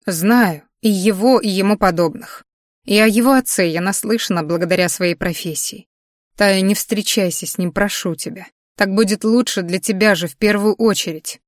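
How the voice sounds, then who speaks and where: A woman's voice: mid-range voice, normal speed, no room sound, studio quality, close to an everyday voice. A woman voicing a worried aunt in her late thirties who scolds and pleads with her niece in an audiobook. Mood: pleading, scolding.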